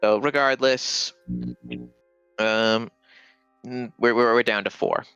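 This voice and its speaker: A man's voice: medium pitch, fairly even intonation, slow, fairly bright tone, smooth, dry recording, lo-fi sound, faint music behind. A man taking part as a player in a tabletop game, answering casually and briefly.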